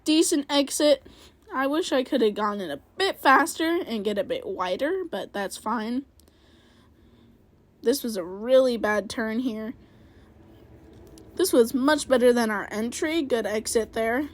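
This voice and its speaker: A high-pitched woman talks through her racing laps in a casual play-by-play. She rambles, grades her own turns, and fills gaps with ums. Her voice is close and dry, with no room sound around it. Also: a little slow, pauses often, dry recording. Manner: rambling play-by-play, self-critical, many fillers. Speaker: gaming video creator. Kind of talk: casual racing game commentary.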